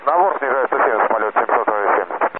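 A man's voice: medium pitch, lively intonation, fast talker. A man speaking as an airline pilot, making clipped calls over a radio transmission. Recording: tinny radio with clear noise.

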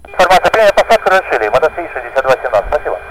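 Rapid-fire pilot on a cockpit radio headset. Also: male voice, a little high, sing-song, a bit bright, a little hiss or hum, low-quality recording. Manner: brisk clipped aviation phraseology. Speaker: pilot talking to the control tower. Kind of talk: radio call-and-readback.

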